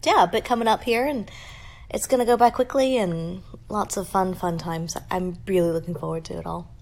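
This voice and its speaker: A woman's voice: fairly low pitch, normal speed, creaky, darkish tone. Woman podcaster in a big echoey room. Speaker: podcast host. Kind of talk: casual chat. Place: big cavernous indoor room.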